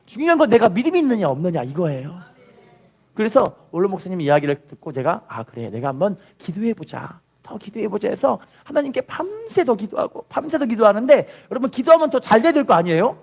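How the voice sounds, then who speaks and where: A man preaching a sermon as pastor, animated, asking the congregation to repeat after him and shouting at the peaks. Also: high-pitched, fast talker, slightly rough.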